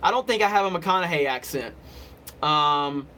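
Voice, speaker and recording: With a bright, forceful voice on the high side, this man from Alabama speaks at normal speed with lively intonation. He hosts a casual livestream, rambling off the cuff with commenters in a slight Southern accent.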